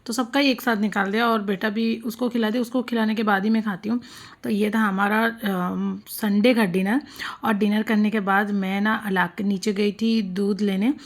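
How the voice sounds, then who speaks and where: Chatty woman narrating a home vlog. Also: fairly high pitch. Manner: chatty, amused, full of fillers. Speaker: vlogger; mother and homemaker. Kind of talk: casual vlog voice-over narration.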